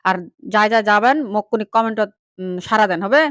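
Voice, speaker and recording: A woman's voice: mid-range voice, a little fast, a bit bright, clean tone, no room sound, dull audio. A woman vlogger with a Panchagarh regional Bengali accent, chatting directly to her viewers in a casual, friendly way. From Panchagarh, northern Bangladesh.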